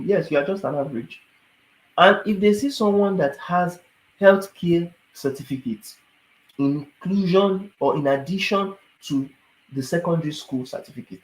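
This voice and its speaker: A man, slightly high-pitched, talks viewers through immigration requirements in an animated, rhetorical way. He keeps checking that they understand. He sounds tired, and his voice echoes around the room. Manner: animated, asks rhetorical questions, repeats "do you understand". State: tired, yawning. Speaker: immigration advisor. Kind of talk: casual explainer talk to viewers.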